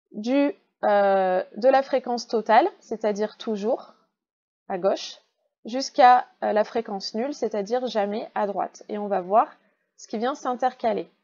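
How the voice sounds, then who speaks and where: A woman with a French accent teaching English in a recorded online class, patiently explaining step by step and slowing down to model pronunciation. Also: fairly high pitch, warm tone, dull audio.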